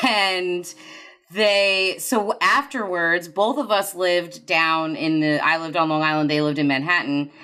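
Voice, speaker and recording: A woman's voice: on the low side, fairly even intonation, unhurried, sharp tone, smooth. A woman co-hosting a podcast, telling a story in a rambling, casual way with many restarts. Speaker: podcast co-host.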